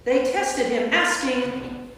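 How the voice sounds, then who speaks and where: A woman narrates from a script for a staged scripture reading, her voice sitting high, slow and a bit bright. She's inside a large church, captured from a distance in a very echoey hall.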